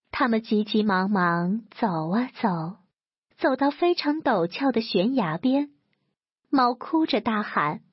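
A woman reads a children's story slowly and gently, her voice a touch high and breathy. The sound is dry and close, with a dull, lo-fi quality. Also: no room sound. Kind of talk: children's story read aloud.

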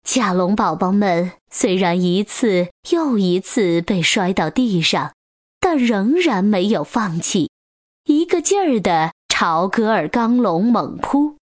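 Slow, animated woman reading a children's story. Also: medium pitch, no echo, clean studio sound. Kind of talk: reading a children's picture book aloud.

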